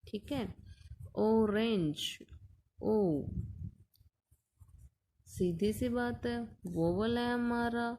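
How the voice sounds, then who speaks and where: A woman's voice: on the high side, very slow, pauses often, dark tone. A woman teacher explaining an English grammar lesson patiently, asking questions and answering them herself.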